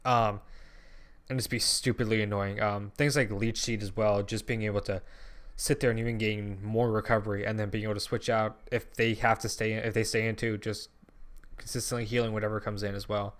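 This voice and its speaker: A man's voice: on the low side, little pitch movement, a little fast, fairly bright tone. Rambling, swearing young gamer guy. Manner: thinks aloud with many ums and frequent swearing; rambling, drops and restarts sentences. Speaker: channel host. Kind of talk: casual gaming commentary.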